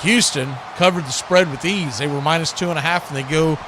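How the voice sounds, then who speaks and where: Calling play-by-play for a live football watch party, a man with a fairly high voice talks briskly in a folksy, conversational way. Clear background noise can be heard behind him.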